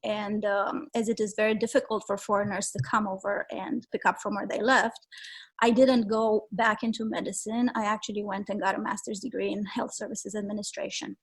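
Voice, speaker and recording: A woman in her forties from Romania, speaking as a podcast guest and telling her story in a measured, reflective way with frequent ums. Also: medium pitch, level tone, slightly rough. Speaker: guest, travel photographer. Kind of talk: casual interview.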